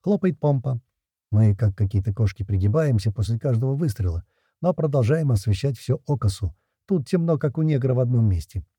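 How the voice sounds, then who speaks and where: Husky, dark-voiced male narrator. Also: medium pitch, lively intonation, fairly quick, no room sound, clean studio sound. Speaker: audiobook narrator. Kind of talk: first-person audiobook narration.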